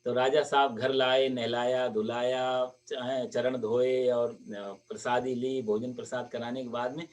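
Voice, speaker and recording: A male preacher narrating a devotional story sermon in a lively storytelling manner. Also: medium pitch, measured pace, few pauses, recorded from a distance.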